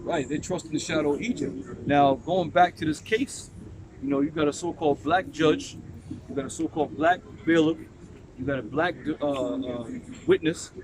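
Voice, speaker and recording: A man's voice: fairly high pitch, normal speed. Blunt man preaching over street traffic. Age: 40s. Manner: blunt, profane, emphatic. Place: outdoors by a busy street. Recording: outdoor traffic noise.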